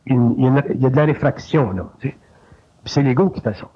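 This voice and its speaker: A man with a Quebec French accent giving informal spiritual teaching, colloquial and animated, jumping up in pitch to mimic an inner voice. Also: fast, slightly rough. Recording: lo-fi digitized cassette tape.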